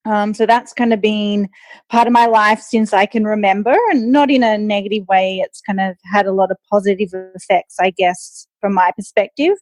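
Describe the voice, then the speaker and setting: A woman from Australia with an Australian accent, a guest in a casual interview, talking in a relaxed way with frequent ums and likes. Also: mid-range voice, normal speed, dry recording. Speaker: guest, nutritionist.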